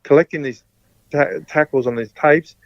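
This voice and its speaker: Rambling Australian man, slightly high voice. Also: moderate pace, dry recording. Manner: rambling, restarts and repeats words often. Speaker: podcast guest, former rugby league player. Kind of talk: casual storytelling. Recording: dull, dry sound.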